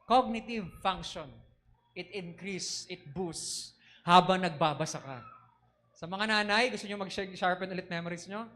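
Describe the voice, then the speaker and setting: A man preaching a sermon in an animated way, switching between Tagalog and English and asking the congregation questions. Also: sits high, a little slow.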